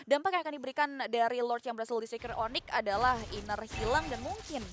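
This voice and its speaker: A woman's voice: on the high side, quick pace. A woman with an Indonesian accent giving live esports commentary in long, elaborate phrases with English gaming terms mixed in.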